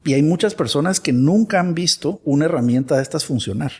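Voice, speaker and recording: A man's voice: a little high, lively intonation, a little fast, husky. A man from Guatemala, a guest expert in a conversational interview, who talks animatedly and acts out imagined dialogues.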